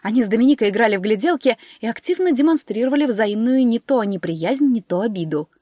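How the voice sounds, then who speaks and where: A woman's voice: fast, no echo. Woman narrating a story, dry close sound. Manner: animated, raises pitch and volume for dialogue. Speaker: audiobook narrator. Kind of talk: storytelling narration with character voices.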